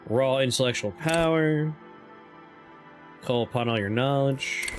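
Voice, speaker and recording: A man's voice: mid-range voice, unhurried. A man livestreaming a game, chatting casually and reading options aloud as he plays. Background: faint game music.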